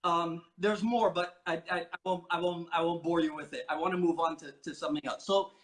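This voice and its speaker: A man from Barbados with a notably high-pitched voice hosts the conversation. He is playful and teasing, reading notes aloud and poking fun at his guest. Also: steady tone, fairly quick, a bit bright, rough recording. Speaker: podcast host. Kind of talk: casual interview questioning.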